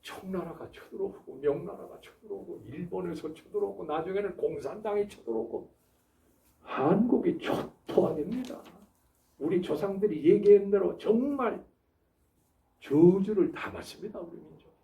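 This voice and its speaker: A male pastor giving a sermon in a lively, emphatic way, full of rhetorical questions and exclamations, recorded from a distance in a church. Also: high-pitched, normal speed, gravelly, echoey room. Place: church sanctuary.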